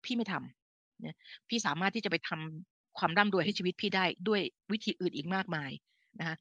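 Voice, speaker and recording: A woman's voice: mid-range voice, fairly quick, fairly bright tone, no echo, highs cut off. A woman hosting a live health talk in a chatty, older-sister way, often correcting herself mid-sentence. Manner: chatty, with frequent self-corrections and fillers; speaks to listeners as an older sister. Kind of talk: casual explanatory live talk.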